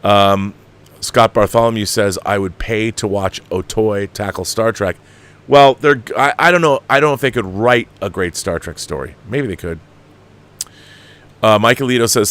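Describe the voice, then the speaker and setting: Reading viewer questions on his opinionated film show, this host is a man from the United States in his fifties. He talks at a moderate pace in a somewhat low, slightly bright voice, sounding exasperated and emphatic and often saying things twice for effect.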